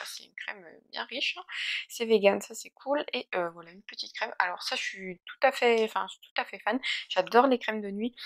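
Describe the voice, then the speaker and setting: A woman's voice: mid-range voice, gravelly, a bit bright, no room sound. A young woman chatting casually through a beauty box unboxing, full of hesitations and fillers. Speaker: beauty vlogger.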